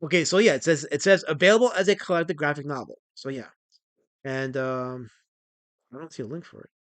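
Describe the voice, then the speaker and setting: A man in his forties hosting a casual livestream, excitable and rambling as he reads chat messages aloud. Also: fairly high pitch, a little fast, dry recording. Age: 40s. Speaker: livestream host.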